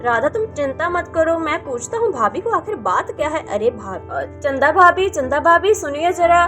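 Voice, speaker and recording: Woman doing a village farmer man, high-voiced. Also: big pitch swings, moderate pace, soft background music. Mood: coaxing. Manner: reasoning, mediating. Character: village farmer man, calm head of household. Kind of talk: doll video role-play.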